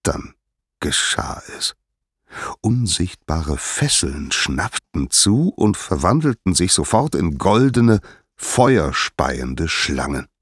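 Male storybook narrator, very deep voice, slow and lively in pitch, husky, dry close recording. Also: no room sound. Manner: expressive, dramatic storytelling.

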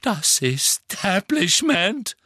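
A shrill, wildly high-pitched witchy teacher, as a male narrator puts her on, loud and hysterical with a quavering voice. She stretches her words out with great drama. It is a storybook reading in a dry, close recording. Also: sing-song, breathy edge, no room sound, heavily acted. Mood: dramatic. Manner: theatrical, drawn-out words. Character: high-strung middle-aged female divination teacher, offended.

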